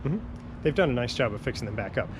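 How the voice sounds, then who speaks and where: Male tour guide, casual unscripted commentary, halting and rambling, medium pitch, noisy outdoor recording with traffic. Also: expressive. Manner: informal, rambling, halting delivery. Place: outdoors on a campus.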